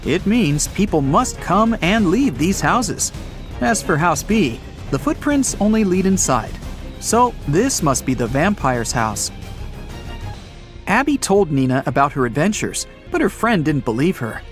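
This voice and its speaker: Animated male riddle narrator. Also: high-pitched, unhurried, soft background music. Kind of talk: scripted narration of riddle stories.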